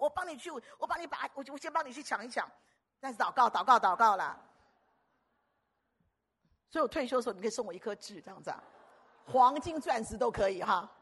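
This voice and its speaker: A woman preacher giving a lively sermon, telling stories and asking the congregation rhetorical questions. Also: mid-range voice, slightly rough.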